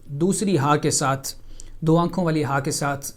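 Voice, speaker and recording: A man giving a televised tajweed lesson, patiently explaining each term step by step and slowing to stress example words. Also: on the high side. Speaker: Quran recitation teacher. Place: television studio.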